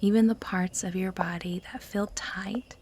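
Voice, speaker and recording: Narrating a guided meditation, a woman speaks in a near-whisper that is soft, breathy and mid-range, with fairly even intonation. Her delivery is calm and measured, with purposeful pauses between phrases, over slight background noise.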